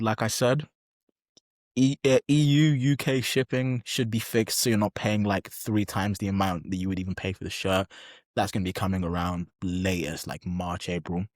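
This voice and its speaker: A man's voice: fairly low pitch, steady tone, moderate pace, no room sound, clean studio sound. A young adult man chatting as a podcast guest, enthusiastic and emphatic, with frequent restarts. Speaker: podcast guest, pro bodybuilder. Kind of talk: casual podcast chat.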